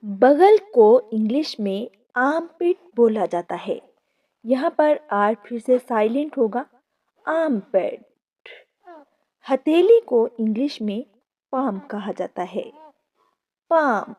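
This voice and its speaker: A woman's voice: fairly high pitch, lively intonation, slow pace, mellow, far from the mic. A woman with an Urdu accent teaching body-part words, repeating each one with careful pronunciation. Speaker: vocabulary teacher. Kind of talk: slow vocabulary lesson.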